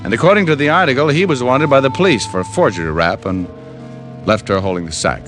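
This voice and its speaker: This radio actor plays a tough, wry American private detective narrating a 1940s-50s crime drama, clipped and needling yet wry and matter-of-fact in mood. His mid-range, fairly bright voice moves quickly and stays close to an everyday voice, on an old radio recording with background music.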